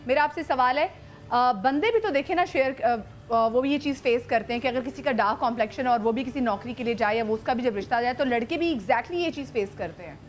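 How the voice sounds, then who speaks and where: Woman tv host on the phones, high voice, casual and chatty, switches into punjabi. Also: animated. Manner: chatty, slips into Punjabi with callers. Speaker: morning show host taking calls. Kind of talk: casual live TV chat. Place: TV studio.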